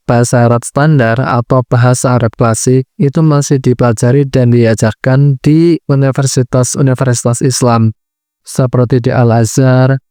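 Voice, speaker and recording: A man teaching a lesson, explaining steadily in short, measured clauses. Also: mid-range voice, dark tone, clean tone, dry recording, studio quality. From Central Java, Indonesia. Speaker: Arabic language teacher. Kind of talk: educational lesson.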